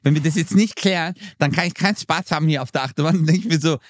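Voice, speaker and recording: A man's voice: on the high side, fast, no echo, studio quality. A man co-hosting a podcast in casual chat, laid-back and slangy, acting out quoted lines as he talks. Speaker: podcast co-host.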